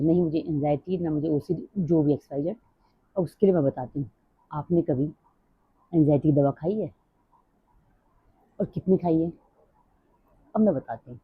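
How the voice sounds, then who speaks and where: A middle-aged woman talking fast and rambling in a casual personal vlog. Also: sits low, slightly rough, no echo. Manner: rambling, drifts off topic. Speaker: vlogger. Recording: dry, tinny phone-like sound.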